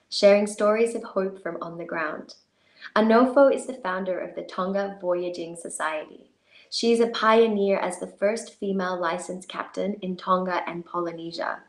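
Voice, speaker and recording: A woman in her thirties reads a scripted introduction as host of an online event, over a webcam. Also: on the low side. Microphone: webcam on a video call. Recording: roomy video-call audio.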